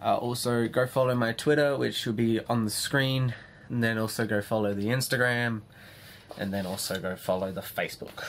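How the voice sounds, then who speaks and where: A man's voice: mid-range voice, fairly even intonation, moderate pace, a bit bright, slight background noise. A tired, drained young man chatting casually as a vlog host in his bedroom, rambling and swearing freely. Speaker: channel host.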